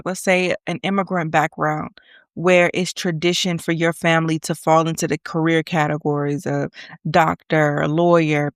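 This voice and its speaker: A woman in her thirties with a lowish voice hosts a faith podcast, sounding a little congested from allergies. Her faith-based encouragement monologue is earnest and encouraging, sometimes slowing down for emphasis. The studio sound is clean, with no echo.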